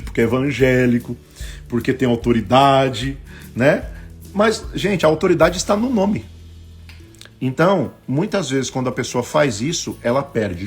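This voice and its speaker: A man with a Brazilian Portuguese accent, a bishop preaching a sermon on a live stream, telling stories and acting out the voices in them, swinging between loud bursts and hushed asides. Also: medium pitch. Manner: acts out quoted voices in his stories.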